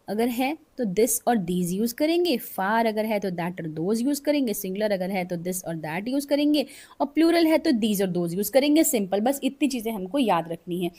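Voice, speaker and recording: Warm and mid-range, a woman's voice guides a slow grammar lesson in Hindi and English with board drawings. Step by step she explains, reading each example sentence word by word and checking with "ठीक है" along the way.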